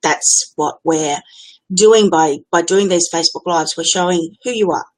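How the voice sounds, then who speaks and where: An Australian woman speaking in a slightly low voice, coaching her viewers live on stream. She talks off the cuff, chatty and blunt, and says exactly what she thinks. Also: unhurried, rough recording. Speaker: business coach hosting a Facebook Live challenge. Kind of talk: unscripted live-stream talk.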